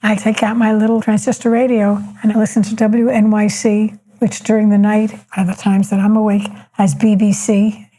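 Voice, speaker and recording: An older woman speaking calmly and matter-of-factly, reflecting on her life and firm opinions in a measured way. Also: medium pitch, poor audio. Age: older, 70s or above. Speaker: elder interviewee. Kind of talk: reflective personal storytelling.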